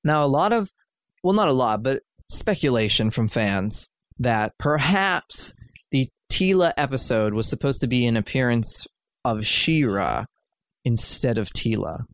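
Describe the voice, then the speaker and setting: A man's voice: mid-range voice, expressive, unhurried. A man hosting a podcast in casual chat, talking with lots of fillers and frequent laughs. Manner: chatty, laughs often, many fillers. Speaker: podcast host.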